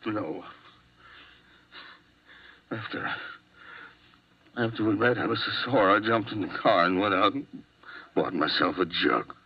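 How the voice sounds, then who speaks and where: A man with a lowish, slightly rough voice takes his time and pauses often while playing a desperate, volatile murder suspect in a 1950s radio play. He alternates threats with pleas, heard through a dull, lo-fi old broadcast.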